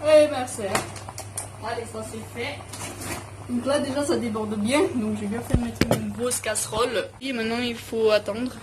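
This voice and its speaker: Filming a cooking vlog in her apartment's kitchen, this woman speaks at a moderate pace in a voice on the high side with fairly even intonation. Her talk is casual, slangy and scattered, with frequent self-interruptions, and pots and dishes clatter through the noisy home recording.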